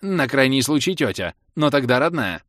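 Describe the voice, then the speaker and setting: A man's voice: medium pitch, very animated, moderate pace, fairly bright tone, no echo, studio quality, voice pushed up. A man voicing a stern, commanding noblewoman who speaks sharply and hisses.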